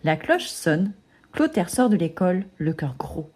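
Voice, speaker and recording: A woman reading a children's storybook aloud in an expressive way. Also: on the low side, a little slow, slightly rough.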